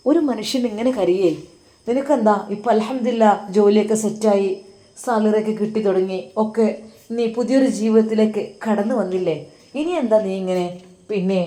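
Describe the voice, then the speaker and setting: A woman's voice: medium pitch, warm tone, lightly acted. A woman doing a tender, coaxing old father. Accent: Malabar Malayalam.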